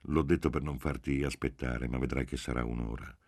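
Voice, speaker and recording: A man voicing a reserved young man who answers calmly and tersely, in an audiobook reading. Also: rumbling low, a little fast, husky, no echo, clean studio sound, pitched below the performer's own voice. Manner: calm and terse.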